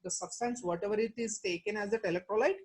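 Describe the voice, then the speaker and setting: A woman teacher with a South Indian, Telangana accent lectures for an online class at a middling pitch. She works through her points repetitively, posing rhetorical questions and tacking small tags onto her sentences. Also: quick pace, a little mellow. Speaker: chemistry teacher. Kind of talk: online exam-prep lecture.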